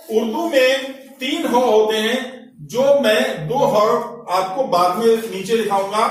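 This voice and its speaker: गूंजते कमरे में धीरे समझाते उस्ताद. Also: male voice, extremely high pitch, fairly bright tone. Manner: slow, explanatory, repeats each letter with example words and checks "ठीक है?". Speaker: Urdu teacher. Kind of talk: patient classroom lesson on writing letters. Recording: very echoey room, mic far off, faint noise.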